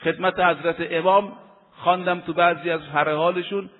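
A man delivers a sermon in a high voice, pressing his points and drawing out Arabic quotations in a slow chant. The recording is thin and phone-like, with a long reverb trailing behind him as in a large hall. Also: steady tone. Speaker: preacher. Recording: tinny lo-fi recording in an echoey hall.

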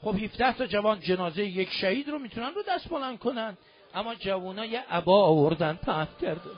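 A man preaching a mourning sermon, moving between quiet retelling and shouted, lamenting cries. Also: high-pitched, animated. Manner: swings from soft to shouting lament. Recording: dull lo-fi sound.

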